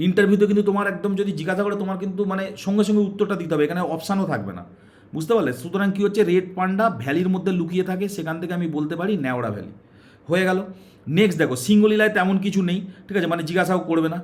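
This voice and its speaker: A man's voice: high voice, rapid-fire, a little mellow. A man teaching an exam prep lesson in West Bengal Bengali, asking questions and answering them himself, with story tricks to help students remember. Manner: coaxing, uses story tricks to aid memory.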